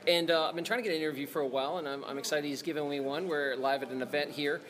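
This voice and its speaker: A man's voice: a little high, steady tone, very fast, low-quality recording. A man hosting a casual live-stream interview at an event, chatty and jokey in an informal way.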